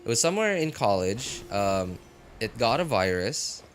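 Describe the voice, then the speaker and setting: Streaming a game with its music and character dialogue playing behind him, a man in his thirties rambles casually in a fairly low, sing-song voice. He reminisces haltingly, full of hesitant fillers and repeats.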